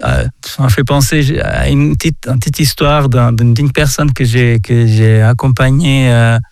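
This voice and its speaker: A man from Portugal giving a reflective faith talk, halting often and repeating words as he searches for them. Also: mid-range voice, steady tone, creaky, darkish tone, no room sound. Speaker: speaker sharing a reflection.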